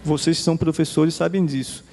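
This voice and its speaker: A Brazilian Portuguese-accented man giving a conversational conference presentation to teachers. He demos software and tags nearly every phrase with a quick "né?". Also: a little high, steady tone, gravelly. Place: conference hall. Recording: reverberant hall.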